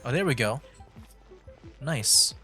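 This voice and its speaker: While streaming a game, a man chats casually through the puzzles, thinking out loud and restarting his sentences haltingly. His voice sits at medium pitch, animated and sharp in tone, over soft background music.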